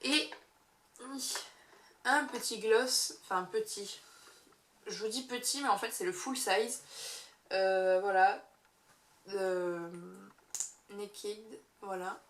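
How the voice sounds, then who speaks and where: A woman's voice: medium pitch, slow pace, pauses often. A young woman chatting casually about her favorite makeup, hesitating often with fillers. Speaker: beauty vlogger. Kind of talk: casual monthly favorites review. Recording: echoey room.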